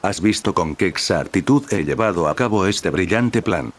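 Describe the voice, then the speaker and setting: A man's voice: low-pitched, lively intonation, normal speed. A man voicing a scheming, arrogant male demon in a fan-fiction audio story, speaking in a boastful, gloating way.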